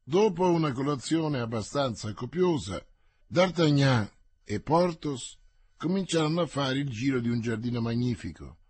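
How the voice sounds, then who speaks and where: A man reading a classic novel aloud as an audiobook, in a measured, deliberate way. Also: medium pitch, lively intonation, darkish tone, breathy edge. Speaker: audiobook reader. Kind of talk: scripted audiobook narration.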